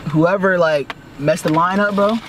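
A young man hosting a vlog from inside a car, talking casually with friends, excited, and saying "bro" all the time. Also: sits high, unhurried, far from the mic, noisy background. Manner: excited, loud reactions, says "bro" constantly. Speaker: vlog host. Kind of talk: casual chat, hyping friends. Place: inside a parked car at night.

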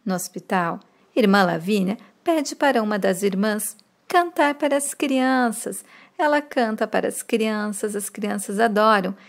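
A woman from Brazil retelling a soap opera episode, reading out the characters' lines with lively shifts in delivery. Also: mid-range voice, vocal fry.

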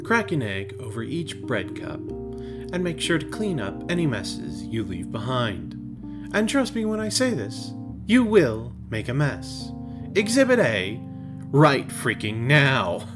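A young man talks viewers through a recipe in a comedic voice-over, his pitch swinging widely from line to line. He slips deadpan jokes between the steps and now and then bursts out in mock exasperation. Soft music plays behind him. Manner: deadpan jokey asides, sudden bursts of exasperation. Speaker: cooking video host. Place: home kitchen.

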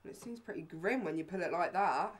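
A woman's voice: lowish voice, brisk, natural voice. A young woman playing a brash, cheeky seventeen-year-old girl who talks in slang and teases.

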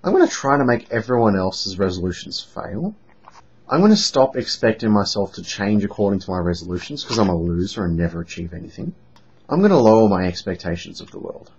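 A man's voice: fairly low pitch, fairly quick, slightly rough. A young man with an Australian accent, talking through a sarcastic, mocking vlog monologue. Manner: lively, mocking, emphatic. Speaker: vlogger. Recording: dull lo-fi home recording.

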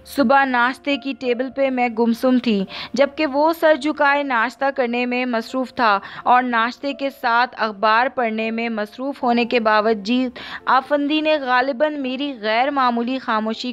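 A woman with a steady, measured delivery, narrating a novel in the first person as an audiobook. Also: a little high. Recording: dull lo-fi audio.

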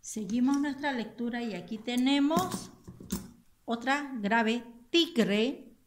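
Woman teacher, fairly high voice, unhurried, repeats each word for kids. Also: a little hiss or hum. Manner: slow, careful, repeats and spells out each word. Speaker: school teacher. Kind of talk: recorded classroom lesson for children.

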